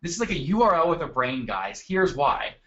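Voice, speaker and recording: A man's voice: a little high, very animated, fairly quick, sharp tone, highs cut off. A man hosting a live marketing webinar from his desk, upbeat and chatty, calling on attendees by name. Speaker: webinar host. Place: at a desk indoors.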